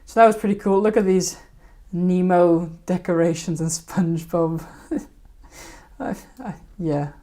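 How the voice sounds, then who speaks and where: A woman's voice: on the low side, fairly even intonation, measured pace, dark tone. A woman hosting a fishkeeping live stream, rambling casually and hesitantly over her old videos. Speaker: fishkeeping channel host.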